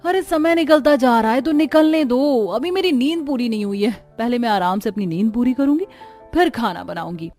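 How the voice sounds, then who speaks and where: A haughty young cartoon bride with a fairly high voice snaps and threatens in a storybook dub, voiced by a woman. Soft music plays underneath. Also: expressive, normal speed, lightly acted. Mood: irritated. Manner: haughty, threatening, raising her voice. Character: defiant lazy young bride, sharp-tongued. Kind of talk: animated storybook dubbing.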